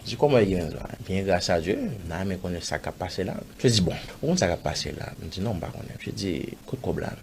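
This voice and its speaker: Haitian-accented male interviewee, low voice, loose rambling storyteller who acts out every exchange. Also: lively intonation, fast, few pauses, darkish tone, slight background noise. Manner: rambling, acts out dialogue, pepper of "bah" and "man". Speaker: interviewee telling a personal story. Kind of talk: casual spoken storytelling.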